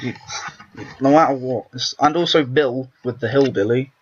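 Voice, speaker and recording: A man hosts a let's play, rambling and cutting himself off as he chats casually about the game. His voice is husky and medium-pitched at a normal speed, captured in a dull, lo-fi recording.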